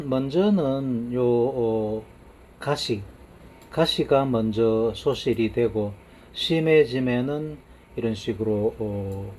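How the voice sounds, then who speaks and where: Man, mid-pitched, mellow and unhurried, lecturing from his slides. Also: slight background noise. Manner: unhurried, frequent affirming "yes" and trailing asides while pointing at slides. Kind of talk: lecture on brain science.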